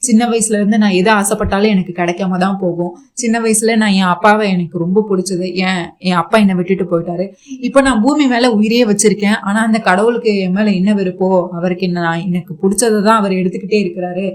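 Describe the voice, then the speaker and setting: A woman's voice: mid-range voice, steady tone, fast talker, lightly acted. Woman reading out a grieving young hero. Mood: sorrowful. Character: young man, grieving hero pushing his wife away.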